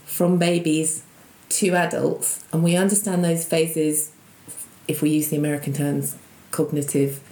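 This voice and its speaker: A woman's voice: low voice, unhurried, reverberant, rough recording. A woman who trains ski instructors, talking earnestly as a podcast guest, telling stories and explaining ideas. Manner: earnest, storytelling, animated when quoting. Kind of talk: casual interview chat.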